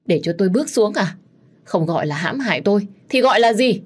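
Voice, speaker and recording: A woman voicing a spoiled, scheming young pregnant woman who wails and accuses in a shrill, loud voice. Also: normal speed, close to an everyday voice. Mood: wailing.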